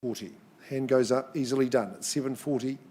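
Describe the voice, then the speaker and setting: A man's voice: medium pitch, fairly even intonation, brisk, dark tone, breathy edge. A man working as an auctioneer at a live property auction, mixing clipped, repeated number calls with chatty patter. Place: in-room auction.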